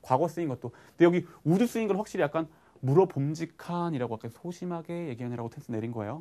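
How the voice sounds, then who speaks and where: A Korean man teaching an English lesson, asking himself questions and answering them, and reading English phrases slowly before translating them. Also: medium pitch. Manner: lively explaining, asks and answers his own questions.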